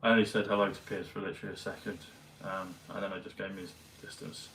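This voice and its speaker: A man vlogging in a meandering, hesitant casual monologue full of pauses and fillers. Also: sits low, level tone, a bit bright, a little hiss or hum. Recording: roomy, mic at a distance, faint ambience.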